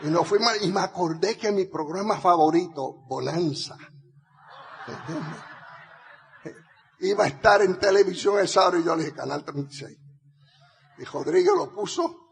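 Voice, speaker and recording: An older man giving a lively motivational speech, telling stories to an audience, laughing often and rising to rallying shouts. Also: high-pitched, normal speed, creaky, pauses often, a little hiss or hum. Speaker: motivational speaker. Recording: reverberant hall.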